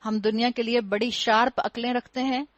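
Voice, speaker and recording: A woman's voice: on the high side, fairly even intonation, dry recording. A woman giving a religious lecture, explaining patiently, using rhetorical questions and wry humor, and slipping English words into her talk. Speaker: Quran teacher.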